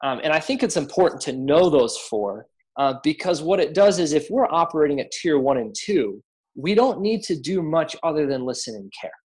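A man working as a counselor, calmly explaining in an interview, speaking with frequent ums and uhs. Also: fairly high pitch, normal speed, poor audio. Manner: calm, many fillers, acts out quoted voices.

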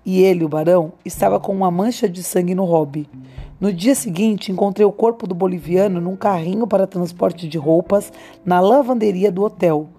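Wary young man on the run, urgent and tense, dark mellow tone, read by a woman narrator. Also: fairly low pitch, moderate pace, breathy edge, faint music behind.

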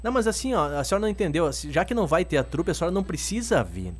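A man's voice: on the high side, sing-song, racing. A man with a southern Brazilian accent clowning playfully in comic radio banter. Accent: southern Brazilian, Rio Grande do Sul. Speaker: radio show regular. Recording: music bed behind the voice.

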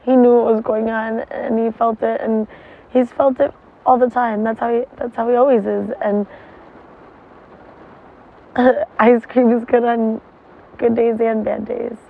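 A woman gives a casual, emotional confessional from inside a parked car. She rambles slowly and swears often, with little rise and fall in her voice. The sound is thin and phone-like. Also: on the high side, little pitch movement, gravelly. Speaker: vlogger.

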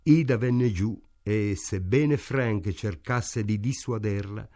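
Slow, measured male audiobook narrator. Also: fairly low pitch, warm tone. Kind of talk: literary audiobook reading. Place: radio studio.

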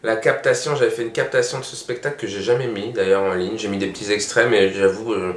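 A man's voice: lowish voice, fairly even intonation, fast talker. A middle-aged man, a stand-up comedian, chatting casually as a guest and telling stories in a rambling way with many restarts. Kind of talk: casual chat. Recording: echoey room.

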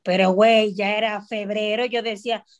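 Laughing Mexican mom telling anecdotes. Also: female voice, medium pitch, steady tone, moderate pace. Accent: Mexican Spanish. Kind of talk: casual chat.

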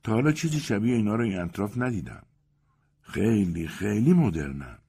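Dreamy young country wife, voiced by a man, raised pitch, soft, wistful, audiobook, husky. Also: big pitch swings, heavily acted.

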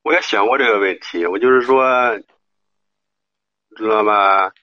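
A man calling an advice show, explaining himself in a halting, defensive way. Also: fairly low pitch, bright, forceful tone, dull audio. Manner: halting, defensive, keeps asking "you know?". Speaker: caller.

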